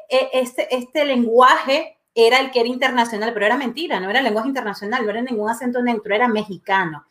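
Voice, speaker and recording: A woman hosting a casual live-stream chat, animated and talkative. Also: a little high. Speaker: host.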